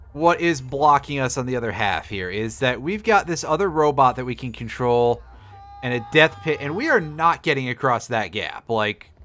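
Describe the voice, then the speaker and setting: Lively, bright-voiced man streaming a game. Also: medium pitch. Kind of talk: casual live gameplay commentary.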